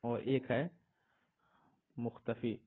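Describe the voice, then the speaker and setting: A man teaching a grammar lesson in a patient, repetitive way. He asks a question and answers it himself. His voice is husky and comes through a thin, phone-like recording. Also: mid-range voice, level tone. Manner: asks questions and answers them himself, repeating words slowly. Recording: husky voice on tinny phone-like audio.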